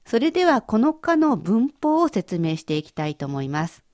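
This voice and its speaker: A woman's voice: a little high, very animated, moderate pace, darkish tone, no echo, studio quality. A woman teaching Chinese vocabulary in a radio lesson, explaining each word patiently and carefully.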